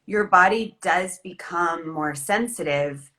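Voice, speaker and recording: A woman hosting a casual conversation, chatty and animated. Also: fairly low pitch, slow pace. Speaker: host. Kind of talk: casual chat.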